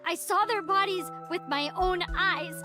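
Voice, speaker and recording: A very high-pitched pleading young girl. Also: a little slow, over music.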